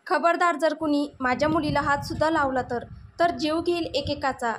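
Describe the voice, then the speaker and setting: A wounded mother forces out urgent, gasping words to protect her child. A woman performs her. The voice rides high in this spoken storybook. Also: normal speed, fairly bright tone, slight background noise. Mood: fierce defiance. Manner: urgent, gasping, pleading then fierce.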